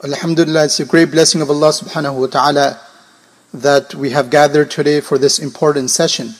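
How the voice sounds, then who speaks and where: A man preaching formally and emphatically to a congregation, his voice coarse, gravelly and hoarse from a sore throat, restating points in synonyms. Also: a little high, level tone, a little fast. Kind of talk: sermon to a congregation.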